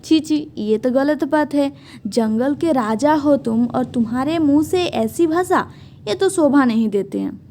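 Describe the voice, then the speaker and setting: A woman's voice: sits high, animated, measured pace, mellow, slight background noise. A woman voicing a cheeky, boastful female fly who taunts a lion in a storybook reading. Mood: taunting. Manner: taunting, sometimes whispered.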